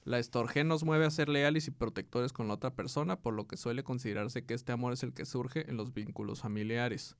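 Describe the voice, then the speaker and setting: A laid-back man with a Mexican Spanish accent chats on a podcast at an ordinary mid pitch. He reads definitions aloud in an easy, joking way. The sound is dry and close to the mic. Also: brisk, few pauses, smooth, no echo. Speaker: podcast co-host. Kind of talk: casual chat.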